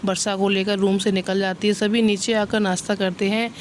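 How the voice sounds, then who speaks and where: A woman's voice: mid-range voice, level tone, fairly quick, slight background noise. A woman reading a romantic family story aloud as a storyteller, voicing every character in turn. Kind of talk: scripted narration.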